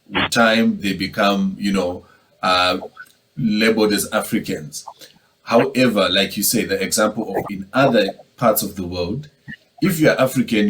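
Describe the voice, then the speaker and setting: A man's voice: on the low side, background noise. A man moderating a casual panel discussion, talking conversationally and acting out quoted exchanges.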